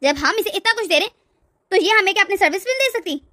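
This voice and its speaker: A woman's voice: very high-pitched, expressive, fast, sharp tone, dry recording, clean studio sound, exaggerated voice. A woman voicing a bossy, scornful older mother-in-law in a cartoon, nagging and haughty. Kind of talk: cartoon voice acting.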